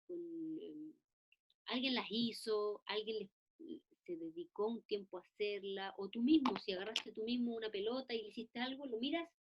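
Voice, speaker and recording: Puppeteer woman talking voice craft, springy delivery, dull lo-fi audio. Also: medium pitch. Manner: animated, demonstrates voices mid-talk. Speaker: puppeteer and actress. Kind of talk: talk on voice acting.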